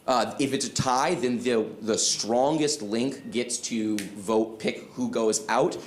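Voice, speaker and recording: A man hosting a live trivia game show on an event stage, upbeat and explaining the rules clearly. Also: mid-range voice, takes it slowly, echoey room, a little hiss or hum.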